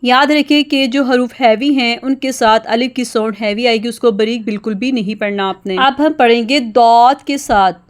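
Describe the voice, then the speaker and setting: A woman teaching Quran pronunciation, explaining rules quickly and then reciting example words slowly and loudly. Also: on the high side, smooth. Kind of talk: tajweed lesson.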